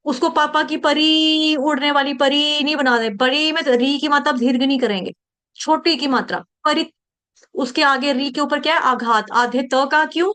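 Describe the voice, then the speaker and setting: A woman's voice: high-pitched, fairly even intonation, fairly bright tone. A woman, teaching a class to recite verses, breaking words into syllables and quizzing her students. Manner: slow syllable-by-syllable drilling with quick asides to students.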